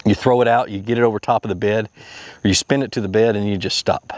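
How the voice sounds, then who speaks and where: A man's voice: lowish voice, steady tone, fast talker, a little mellow. A man in his thirties hosting a fishing video, casually explaining lures and rods from a boat on a lake, rambling with lots of fillers and restarts. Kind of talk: casual how-to narration while fishing.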